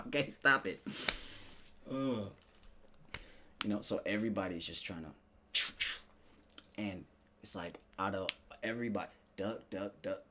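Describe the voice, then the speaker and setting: This man speaks with a fairly low, sharp-toned voice while hosting a casual commentary show. He rants and mimics people in slangy, sarcastic, profane language. The recording has a clearly noisy background.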